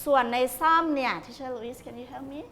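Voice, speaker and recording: A woman's voice: sits high, takes it slowly, vocal fry, a little hiss or hum. A female primary school teacher in a classroom, patiently explaining an activity to young children. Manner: patient, gentle explaining with polite particles. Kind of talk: classroom instruction.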